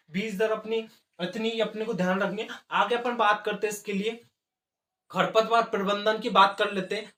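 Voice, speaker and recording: Guy giving a lecture, says the key words slowly and repeats them so you can write them down, roomy echo. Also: high-pitched, fairly bright tone. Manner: repeats key terms slowly for note-taking. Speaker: agriculture exam teacher. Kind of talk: classroom lecture dictating notes.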